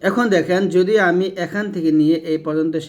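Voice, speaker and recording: A man teaching Quran reading step by step, spelling out letters and vowel marks, then chanting the verses in long drawn-out tones. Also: fairly high pitch, fairly even intonation. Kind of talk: step-by-step recitation lesson.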